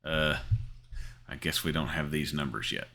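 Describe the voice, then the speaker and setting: This crypto gaming channel host, a middle-aged man, rambles casually over his screen share, full of ums, fillers and false starts. He has an extremely low, gravelly voice with a bright, forceful tone, and he never hurries.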